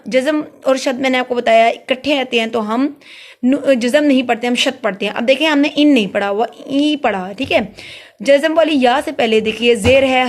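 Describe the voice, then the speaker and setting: High-voiced woman teaching Quran recitation. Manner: slow, drawn-out demonstration of each word, then explanation. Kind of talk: step-by-step tajweed lesson.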